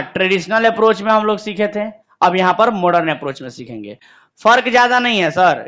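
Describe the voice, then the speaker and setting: A young man teaches a class, firing questions at his students and then answering them himself. His voice sits high for a man. The classroom recording sounds muffled and lo-fi. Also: sharp tone. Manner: quizzing students, call and response. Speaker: accountancy teacher. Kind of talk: classroom lecture.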